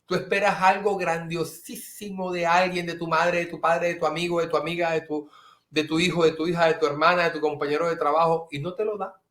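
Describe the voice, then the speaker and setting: A man's voice: on the high side, flat delivery, brisk, fairly bright tone. A middle-aged man preaching a sermon as a pastor, earnest, sometimes acting out his listeners' objections. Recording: echoey room.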